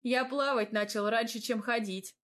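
A woman voicing a cocky young male athlete who talks calmly with a slow, teasing drawl. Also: a little high, lightly acted.

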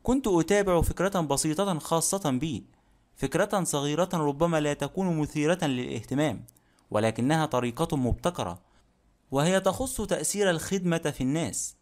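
A man doing a calm, shrewd detective. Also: on the high side, fairly quick, lightly acted. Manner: calm, courteous questioning. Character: polite, shrewd male detective. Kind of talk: audiobook character reading.

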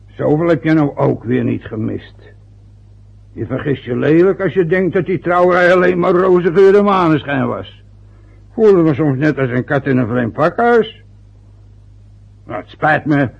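Heavily acted and slightly rough, this man's creaky, medium-pitched voice belongs to a radio-play father whose son has recently wed. The stubborn, wounded older man rambles through aggrieved lectures and grumbles, stumbling over hesitations, on a dull, lo-fi vintage radio recording.

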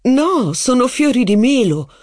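Reader doing self-assured duchess, witty, high bright phrasing, storybook. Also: female voice, sing-song, a little slow, dry recording, clean studio sound. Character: confident witty aristocratic duchess.

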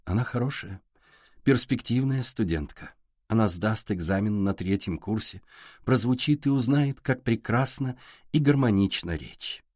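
A gentle, composed young woman speaks in a soft, hushed way, as a male audiobook narrator puts her on. The voice sits low and is recorded dry and close. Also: animated, a little slow, no echo. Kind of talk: audiobook character reading.

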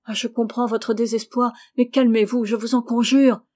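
A woman's voice: a little high, fairly even intonation, normal speed, warm tone, lightly acted. Woman reading as Rose, a tender pleading girl. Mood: urgent pleading. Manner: pleading, emotional, motherly. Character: teenage girl Rose, tender anxious caring cousin.

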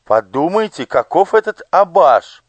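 A man's voice: on the high side, very animated, unhurried, husky, dry recording, pitched above the performer's own voice, full character voice. Storybook noble lady, sweet and coaxing with a cruel streak, man reads her in a raised voice. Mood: surprised, amused. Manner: singsong, coaxing.

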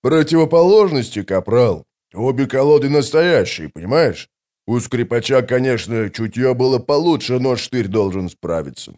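A man narrating an audiobook, voicing a gruff, grumbling male sapper. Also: mid-range voice, animated, moderate pace, darkish tone, close to an everyday voice. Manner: grumbling, blunt.

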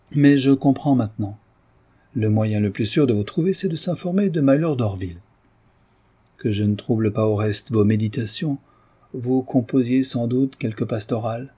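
A man voicing a sharp-tongued older society lady who teases in an arch way, in an audiobook reading. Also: mid-range voice, breathy edge, natural voice. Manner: teasing, arch.

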